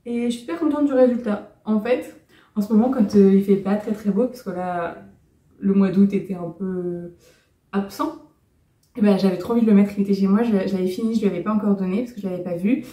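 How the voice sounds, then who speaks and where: A woman's voice: mid-range voice, fairly quick, warm tone. A woman chatting casually on her knitting vlog at home, showing her finished cardigans in a rambling, light, self-mocking way. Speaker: knitting vlogger. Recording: roomy sound from a distance.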